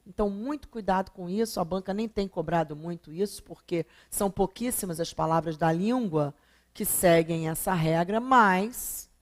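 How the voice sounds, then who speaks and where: A woman's voice: fairly low pitch, darkish tone. Brazilian woman teaching grammar on video, answers her own questions, stretches words to stress them. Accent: Brazilian Portuguese. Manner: emphatic, drawn-out syllables when stressing examples; rhetorical questions answered herself. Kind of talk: recorded video lesson.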